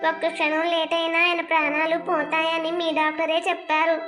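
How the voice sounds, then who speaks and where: A woman's voice: very high-pitched, completely flat delivery, brisk, music in the background. A woman voicing Lakshmi, a young village wife in a cartoon family drama, pleading and anxious as she begs for help. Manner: imploring, tearful pleading.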